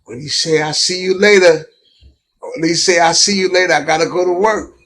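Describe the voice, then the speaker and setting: A man's voice: on the high side, brisk, a bit bright. A man from Brooklyn with a New York accent, chatting casually and peppering his talk with slang. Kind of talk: casual chat.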